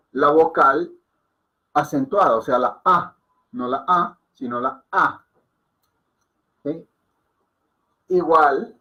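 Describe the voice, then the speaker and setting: A man teaching a class, explaining patiently and repeating words slowly, often checking with "ok?". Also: on the high side, dull audio. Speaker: Hindi teacher.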